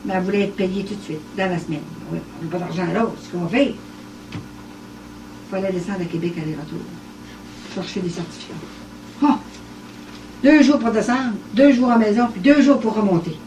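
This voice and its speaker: A woman's voice: mid-range voice, brisk, pauses often, noisy background. An older woman with a Québécois accent, telling a story at a home gathering and acting out what each person said, often laughing. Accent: Québécois French. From Quebec. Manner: animated, acts out dialogue, laughs often. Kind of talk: casual storytelling. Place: living room at a private evening gathering. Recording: echoey home cassette recording from far off.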